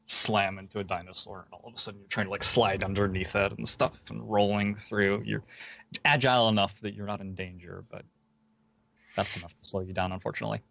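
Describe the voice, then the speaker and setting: A man narrating as game master of a tabletop game, talking with many fillers and slowing down for descriptions. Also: fairly low pitch, vocal fry, a bit bright, no room sound, highs cut off. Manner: hesitant, filler-heavy narration with slowed descriptive passages.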